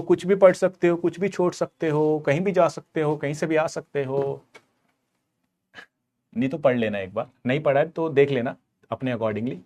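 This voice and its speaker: A man teaching chemistry in a casual live online class. He is chatty and teasing, calls his students buddies, and explains with everyday stories. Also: medium pitch.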